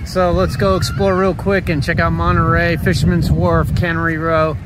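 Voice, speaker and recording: On a windy coast, a middle-aged man with a fairly high, flat voice chats at a moderate pace for his travel vlog, filming on a phone held at arm's length. He grumbles and jokes offhandedly while loud wind, traffic and other outdoor noise fill the recording.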